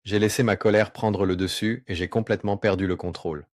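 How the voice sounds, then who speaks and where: A man tells his own story in a remorseful, earnest confession, his voice shifted down to an unnaturally deep register to keep him anonymous. The sound is dry and close, with no room around it. He slows down at key moments. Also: fairly even intonation, darkish tone, dry recording. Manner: earnest, remorseful, with pauses and slow stretches. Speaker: person giving a personal testimony. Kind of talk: confessional first-person testimony.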